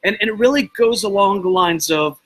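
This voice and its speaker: A man hosting a live video show, telling a story to his viewers in a rambling, excitable way and stopping to greet people by name. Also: high-pitched, brisk, rough recording. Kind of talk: casual motivational talk to live viewers.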